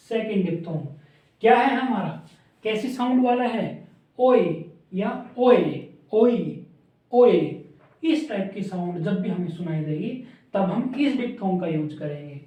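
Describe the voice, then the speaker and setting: A man's voice: sits high, darkish tone. A man teaching a shorthand lesson, repeating sounds aloud as he draws strokes. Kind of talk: classroom lesson. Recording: echoey room from a distant mic, dull.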